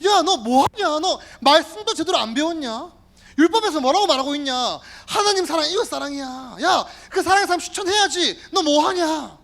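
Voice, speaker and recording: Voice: very high-pitched, sing-song, moderate pace, vocal fry, fairly bright tone, voice pushed up, exaggerated voice. A youth preacher acting out a greedy, grumbling male disciple inside a sermon, with coarse exclamations over wasted money. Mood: indignant.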